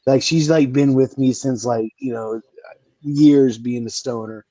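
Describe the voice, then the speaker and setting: A man's voice: mid-range voice, steady tone, measured pace, dark tone, no room sound, far from the mic. A man on a live comedy podcast panel, rambling and swearing as he tells stories. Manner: rambling, profane, laughs at himself. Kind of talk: casual live stream chat.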